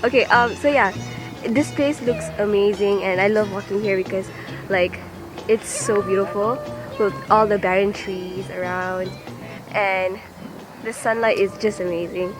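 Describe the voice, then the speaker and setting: A young woman, talking to a handheld camera outdoors in a bubbly, excitable way. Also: medium pitch, unhurried. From Malaysia. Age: 20s. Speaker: vlogger. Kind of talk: vlogging on the go. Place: outdoors in a city and park. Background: music.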